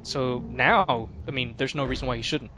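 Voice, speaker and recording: A man casually chatting while playing a video game, relaxed, with lots of fillers and swearing. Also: medium pitch, normal speed, a little hiss or hum. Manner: laid-back, swears a lot, many fillers. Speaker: let's play commentator. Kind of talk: casual gaming chat.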